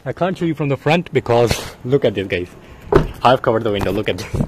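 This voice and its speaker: A young man chatting casually as a vlogger while filming from inside a blanket fort in a parked car, talking excitedly and saying guys constantly. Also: medium pitch, fairly quick, heavy background noise. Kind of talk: casual vlog narration. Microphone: handheld phone camera.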